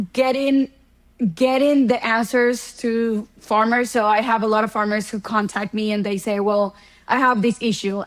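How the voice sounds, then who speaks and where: A woman's voice: on the high side, poor audio. Woman from Ecuador, explaining steadily. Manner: explanatory, uses fillers and examples. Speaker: guest, horticulture economics professor. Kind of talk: conversational interview answers.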